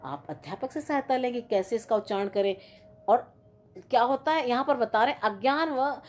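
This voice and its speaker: Teaching grammar to school students, this Sanskrit teacher is patient and animated, regularly asking "theek hai na" to confirm they understand and repeating points. She speaks at a moderate pace in a slightly high voice, with slight background noise.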